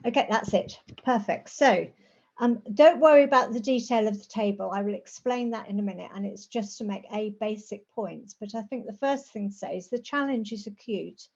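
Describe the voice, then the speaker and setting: A middle-aged or older woman who says her r's as w, giving an informal, measured presentation in a conversational manner. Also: medium pitch, vocal fry. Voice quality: says w for r, soft r sounds. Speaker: guest speaker, rural housing specialist. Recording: dull, lo-fi call audio.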